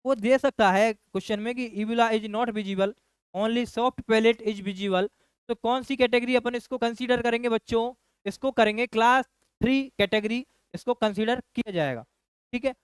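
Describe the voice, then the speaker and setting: A man's voice: very high-pitched, fairly even intonation, moderate pace, smooth, no room sound. A man teaching a nursing lecture who repeats key phrases and keeps asking his class rhetorical questions. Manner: addresses students as children. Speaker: nursing coach.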